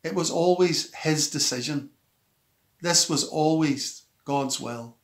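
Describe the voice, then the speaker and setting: A man giving a scripted devotional reflection and reading scripture in a measured, solemn way. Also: a little high. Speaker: church minister.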